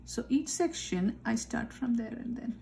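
A woman art teacher giving a step-by-step drawing lesson, calmly talking through each step as she draws at a desk. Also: on the high side, a little slow, gravelly, slight background noise. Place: indoors at a desk. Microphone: overhead camera filming the tabletop.

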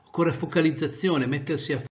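A male trainer giving an animated lecture, swinging from loud to soft to demonstrate tone. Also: fairly high pitch, brisk, dull audio. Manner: animated, varies volume widely, demonstrates tones of voice.

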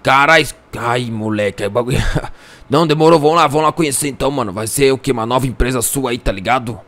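A young Brazilian man playing a crime roleplay game, chatting in rapid, excitable street slang. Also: mid-range voice. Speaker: roleplay gamer. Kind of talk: casual gaming roleplay chat.

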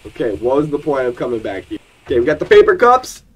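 Young male gaming commentator, excitable and jokey, chatty with on-screen characters, medium pitch. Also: fast, lo-fi sound. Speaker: gaming YouTuber. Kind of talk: let's play commentary.

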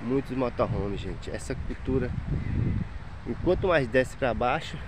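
A man's voice: mid-range voice, expressive, unhurried. A man in his thirties giving a cheerful, chatty walking tour of a seaside campground, filmed on a handheld phone. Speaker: travel vlogger. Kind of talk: casual vlog walkthrough. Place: outdoor beachside campground, windy. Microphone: handheld phone camera. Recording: loud wind noise on phone mic.

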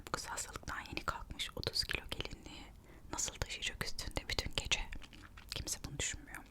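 A storyteller whispers an ASMR narration, reading aloud and adding gossipy, musing asides. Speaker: ASMR host narrating royal history.

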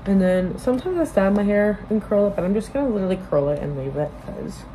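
Talking quickly with lively intonation, this woman has a medium-pitched, dark-toned voice. She rambles informally and cuts herself off while doing a get-ready-with-me chat to a phone camera as a vlogger. It's a noisy recording from a phone propped at arm's length in a small bedroom-like room indoors.

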